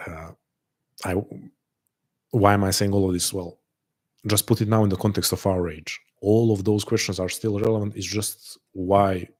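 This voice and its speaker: A man's voice: fairly low pitch, steady tone, normal speed, darkish tone. A man hosting a live online call, talking in a thoughtful, earnest way and often repeating words and restarting phrases as he thinks aloud. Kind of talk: reflective live talk to an audience.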